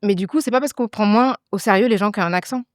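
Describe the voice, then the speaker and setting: A woman hosting an interview, asking quick reactive questions. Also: medium pitch, dry recording, studio quality. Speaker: interviewer host.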